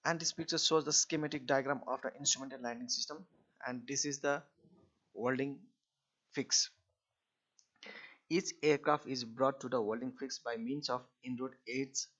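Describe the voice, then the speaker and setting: Working through technical material one step at a time, a male lecturer often stops, restarts, and repeats his phrases. His middling voice is steady and a bit bright, heard on a dull, lo-fi recording.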